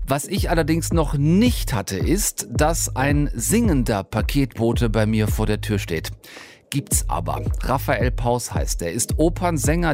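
A man's voice: medium pitch, darkish tone. A man hosting a radio show, presenting and interviewing in a conversational way. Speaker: radio host.

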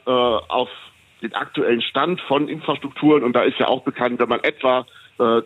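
A man, an economist guest, giving measured, explanatory interview answers with frequent hesitations. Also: mid-range voice, dry recording. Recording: tinny phone line, dry.

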